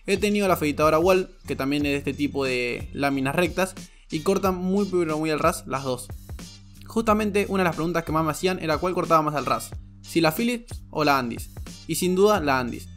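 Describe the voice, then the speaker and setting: A man's voice: on the high side, fairly quick, fairly bright tone, faint music behind. A man, a barber giving a frank, explanatory voice-over tutorial. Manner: frank, explanatory, repeats "muy pero muy". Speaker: barber reviewing shavers.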